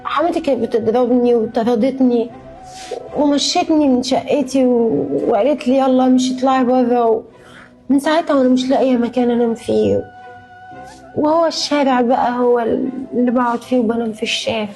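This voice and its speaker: A woman's voice: a little high, brisk, pauses often, mellow, faint music behind, lightly acted. A woman playing a young wife thrown out onto the street, pleading and fearful. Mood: weary. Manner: pleading, tearful.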